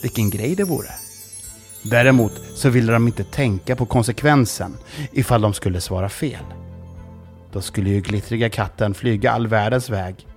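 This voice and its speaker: A narrator telling a children's story in a playful, lively way. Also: medium pitch, soft background music.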